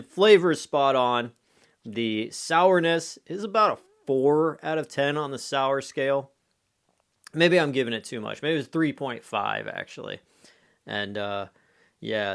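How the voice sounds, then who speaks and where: A man's voice: medium pitch, fairly bright tone, smooth. A man giving a casual food review in a rambling, conversational way, often dropping in filler phrases like "you know". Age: adult. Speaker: candy reviewer.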